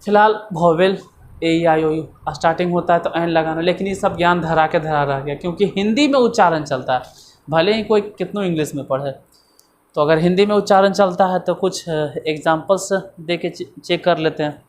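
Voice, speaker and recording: A man's voice: fairly high pitch, moderate pace, slight background noise. A man teaching English grammar in a classroom lesson, repeating points and asking and answering his own questions.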